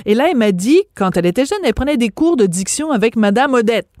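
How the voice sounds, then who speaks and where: A woman with a Québécois accent, hosting a radio interview in a chatty, affectionate way with quick interjections. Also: on the high side, lively intonation, warm tone, dry recording, clean studio sound. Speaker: radio host.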